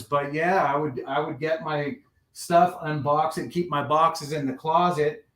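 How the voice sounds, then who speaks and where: A man in his forties with a slightly higher voice chats easily as a podcast guest, rambling through his memories at a relaxed clip. His voice rings in a roomy, echoey space. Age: 40s. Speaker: guest collector. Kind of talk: casual podcast chat. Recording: roomy echo.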